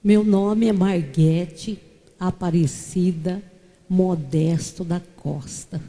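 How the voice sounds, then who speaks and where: Slow, mellow-voiced woman in her sixties. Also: fairly low pitch, steady tone. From southern Brazil. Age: 60s. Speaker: pastor. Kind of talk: life-story interview.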